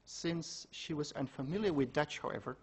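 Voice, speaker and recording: Husky-voiced man giving an academic lecture. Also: on the high side. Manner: measured, quoting sources aloud. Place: lecture hall.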